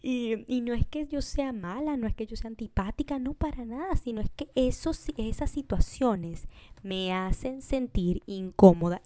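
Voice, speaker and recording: A woman's voice: a little high, dark tone, no echo. Chatty woman hosting a podcast. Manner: chatty, talks straight to listeners with frequent "you know?" tags; mixes English words into her Spanish. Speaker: podcast host. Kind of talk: casual solo podcast monologue.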